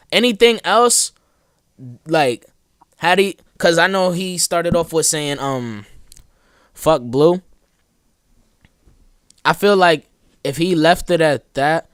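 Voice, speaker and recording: A man's voice: mid-range voice, smooth, no echo, studio quality. A young man hosting a casual chat, talking bluntly in slang with lots of "like" and "bro". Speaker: host.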